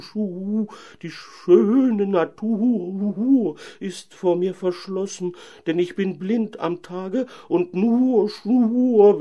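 A man voicing a lonely, sad enchanted owl princess who hoots between her slow, mournful phrases. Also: high voice, dark tone, pitched above the performer's own voice.

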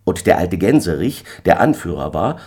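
A man narrating an old-fashioned tale in an expressive storytelling manner. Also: low-pitched, normal speed, breathy edge. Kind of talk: storybook reading.

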